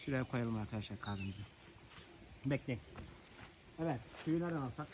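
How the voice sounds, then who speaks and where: With background noise around him, a man in the countryside builds a fire while casually joking with viewers on camera. He speaks fairly quickly in an expressive, mid-range voice.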